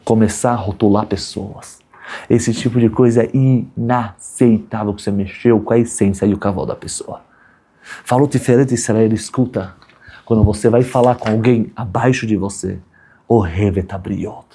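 Husky dark-voiced guy giving a sermon, story style, does all the voices. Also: lowish voice, normal speed. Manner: animated storyteller, acts out quoted voices, asks "tá bom?" often. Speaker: rabbi teaching a class.

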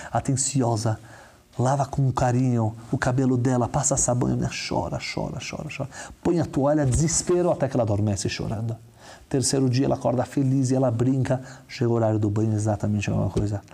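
A man's voice: medium pitch, warm tone. A man teaching through a moving religious story, emphatic and fond of repeating words for effect.

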